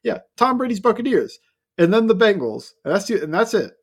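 A man's voice: high voice, very animated, fairly quick, breathy edge. A man co-hosting a sports podcast, talking casually and opinionatedly, firing off rhetorical questions. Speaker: podcast co-host.

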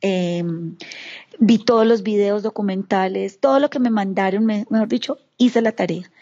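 A woman's voice: mid-range voice, moderate pace, dull audio. A woman from the Antioquia region of Colombia with a paisa accent, telling a personal family story as an interview guest and acting out what her relatives said. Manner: animated, acts out quoted relatives.

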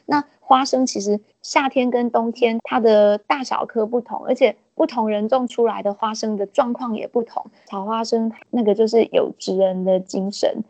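A woman, being interviewed and telling lively stories about her work. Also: on the high side, normal speed, few pauses, no echo. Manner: lively anecdotal storytelling, acts out quotes. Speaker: interviewee, peanut business owner. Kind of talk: interview storytelling. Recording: dull lo-fi dry recording.

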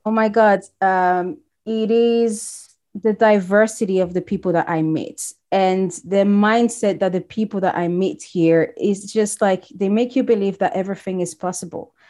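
A woman in her thirties, originally from Congo, tells her story warmly and casually as an interview guest, often restarting her sentences. Her voice is mid-range and steady, moving at a moderate pace.

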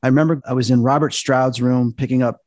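A man's voice: mid-range voice, steady tone, quick pace, a little mellow, no room sound. A man telling earnest stories in a casual podcast chat, walking through paranormal theories at length. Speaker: paranormal investigator guest.

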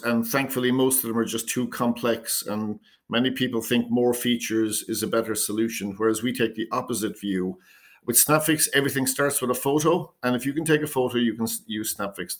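Founder man explaining his product steadily. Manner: measured pitch, repeats words when starting phrases. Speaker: company founder. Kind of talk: business interview answers.

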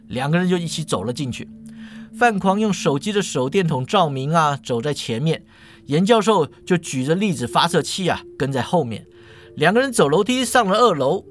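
A man with a Taiwanese Mandarin accent telling a ghost story in a lively way, drawing out the particles. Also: on the high side. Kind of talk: spoken storytelling.

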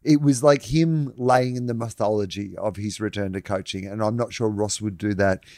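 A man co-hosting a comedy sports podcast in casual, animated chat, swearing freely and laughing often. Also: on the low side, moderate pace, dry recording. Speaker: podcast co-host.

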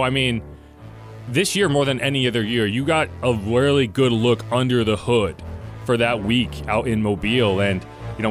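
A man hosting a sports podcast, breaking down players in a chatty, analytical way and often checking in with "right?". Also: medium pitch. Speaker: podcast host. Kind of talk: casual sports talk.

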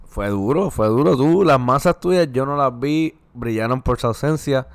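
A man's voice: mid-range voice, moderate pace, clean tone. A man, co-hosting a podcast, joining in teasing banter with short remarks. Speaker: podcast co-host. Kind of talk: casual chat.

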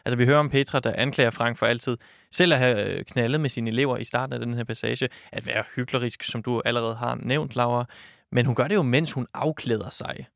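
Give me a thoughtful man with a gravelly voice hosting a book talk. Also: medium pitch, fairly even intonation, a bit bright, no echo, studio quality. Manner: thoughtful, hesitant with fillers. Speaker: book discussion host. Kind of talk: casual book discussion.

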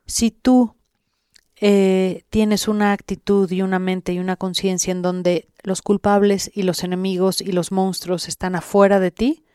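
Clear-voiced Mexican woman explaining, dry sound. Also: medium pitch, mellow, no room sound. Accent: Mexican Spanish. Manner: instructive, addressing the listener directly. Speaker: interviewed guest who guides sessions. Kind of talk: explanatory podcast interview.

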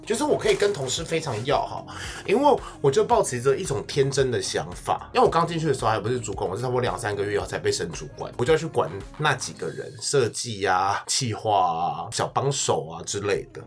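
A man's voice: medium pitch, big pitch swings, fast talker, hardly any pauses, faint music behind. A man, co-hosting a casual podcast and venting animatedly about work, acting out office quarrels. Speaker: podcast co-host.

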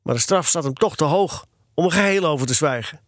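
A man narrating a children's story in a calm, even reading voice. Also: on the high side, brisk, no room sound, clean studio sound. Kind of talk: audiobook storytelling.

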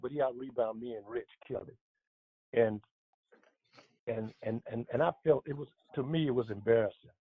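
An older man in his seventies tells stories about his playing days in a loose, rambling way, often restarting his sentences. His husky voice comes through a tinny phone line, dry and close. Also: medium pitch, dry recording. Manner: rambling storytelling with many restarts. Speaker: former pro basketball player, guest. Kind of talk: casual reminiscing interview.

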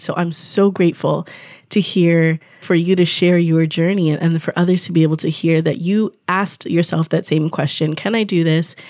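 A woman host with a lowish voice showers her guest with encouragement and praise. Her voice is recorded dry and close, with no room sound around it. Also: a little mellow, dry recording. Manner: effusive, encouraging, affirming. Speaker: podcast host and business coach. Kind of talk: conversational interview.

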